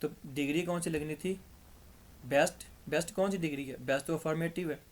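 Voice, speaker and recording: Pakistani male tutor, slightly raised pitch, slow patient explaining, dryish throat. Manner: patient, step-by-step explaining, repeats examples. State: dry throat. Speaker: English teacher. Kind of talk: grammar lesson.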